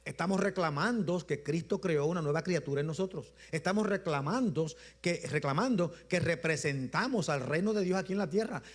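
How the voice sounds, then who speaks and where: Preaching on a Sunday, a Puerto Rican bishop uses his native Spanish accent and a rhythmic cadence full of repeated phrases. He eases his pace to stress ideas and lets his voice fall low as he closes each point.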